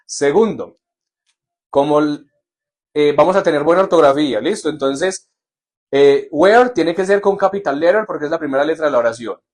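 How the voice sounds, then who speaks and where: A man's voice: fairly high pitch, moderate pace. A man teaching English in a live online lesson, in an upbeat, joking manner that keeps checking on the class. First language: Spanish. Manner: lively, jokey, asks "¿listo?" often.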